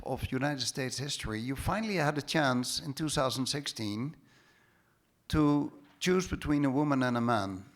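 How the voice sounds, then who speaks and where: Speaking in a medium-pitched, fairly bright voice with a Dutch accent, a man from the Netherlands sits as a panelist on a conference hall stage. His remarks are emphatic and sarcastic, peppered with ironic mock quotes.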